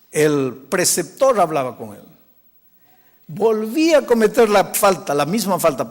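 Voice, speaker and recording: An older man from Peru, a pastor telling a story in a sermon, acting out the dialogue and dropping to a hush at emotional moments. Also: on the high side. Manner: animated storytelling, acting out quoted dialogue with hushed emotional drops. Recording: long hall reverb.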